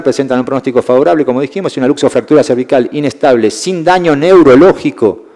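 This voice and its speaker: A man with a Rioplatense Spanish accent lectures young referees in a classroom style, explaining patiently and pausing to check in with the room. His voice sits at an ordinary middle pitch. A long reverb trails from the lecture hall. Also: darkish tone. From Argentina. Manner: explanatory, keeps checking in with "¿eh?" and "fíjense". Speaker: sports medicine lecturer.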